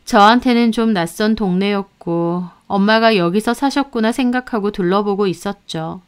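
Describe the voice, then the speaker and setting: A woman narrating a first-person story in a calm, even way. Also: medium pitch, moderate pace, smooth.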